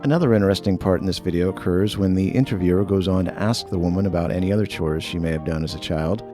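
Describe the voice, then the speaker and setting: A man's voice: low voice, fast talker, warm tone. A man reading scripted narration as a narrator introducing archive material. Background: faint music.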